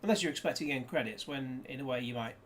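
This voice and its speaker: This disc reviewer talks fast in a medium-pitched voice as he unboxes a disc, rambling casually and joking around. He is recorded indoors on a desk camera, with slight background noise.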